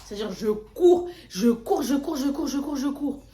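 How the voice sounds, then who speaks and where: A young woman vlogger casually telling a story, slangy and lively, often repeating words. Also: high voice, unhurried. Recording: roomy echo.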